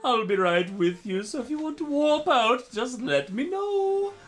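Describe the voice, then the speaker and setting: A man's voice: very high voice, sing-song, unhurried, a crowd in the background, voice pushed up, full character voice. A man voicing a polite, cheerful little female game creature with a genteel, chirpy manner.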